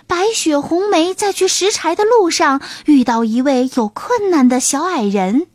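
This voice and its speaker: A woman's voice: high-pitched, animated, unhurried, a little mellow, dry recording. A woman storyteller reading a scripted fairy tale for children. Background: faint music.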